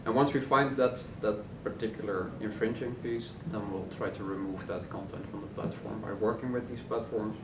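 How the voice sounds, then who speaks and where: A man, a company co-founder, explaining his business in a relaxed interview with many fillers. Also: lowish voice, normal speed, vocal fry, few pauses. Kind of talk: casual interview answers. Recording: roomy office, distant mic, noisy hum.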